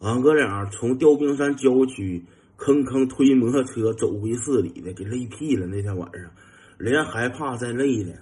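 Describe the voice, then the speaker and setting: A young man with a Northeastern Mandarin accent spins a casual anecdote at a mid-range pitch. He keeps it lively, imitating engine sounds and breaking into chuckles as he goes. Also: moderate pace. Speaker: storyteller.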